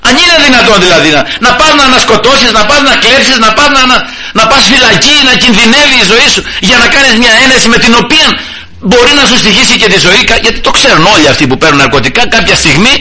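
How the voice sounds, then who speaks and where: A man preaching a sermon in an emphatic style, often rising in pitch and volume, from Greece. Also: animated, pushed and bright, rough recording.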